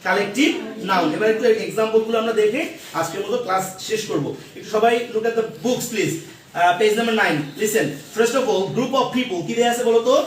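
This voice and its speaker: A man's voice: sits high, moderate pace, very echoey, distant mic. A man teaching English to a class, asking questions over and over and having students repeat words after him. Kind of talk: classroom lesson.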